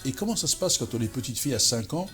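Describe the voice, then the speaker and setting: A man hosting an interview show, chatty and quick, often repeating words. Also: medium pitch, big pitch swings, a bit bright, faint music behind. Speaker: show host. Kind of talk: casual interview conversation.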